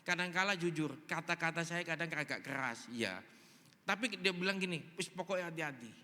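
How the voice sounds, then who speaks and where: A man's voice: on the high side, normal speed, pushed and bright. A male pastor preaching a sermon, telling a story animatedly and acting out the dialogue. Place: large church hall. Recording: long reverb in a large hall.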